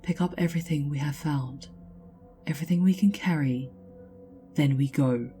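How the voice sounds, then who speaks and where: A woman voices a troubled elf commander in an epic fantasy tale. The voice is low and dark, giving terse, urgent orders with dramatic weight. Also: normal speed, faint music behind, close to an everyday voice.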